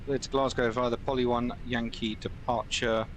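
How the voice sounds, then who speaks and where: A man's voice: mid-range voice, little pitch movement, moderate pace. A man livestreaming as a flight sim pilot, switching between casual chat and radio calls. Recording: clear vehicle-like background noise.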